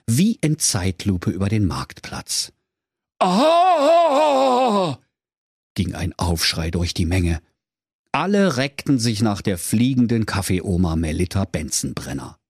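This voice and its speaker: A man tells a comic fairy tale in a mock-solemn storybook manner. His delivery is highly animated, rising and falling all over. The recording is dry and close to the mic. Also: breathy edge, no echo. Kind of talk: comedic fairy-tale narration.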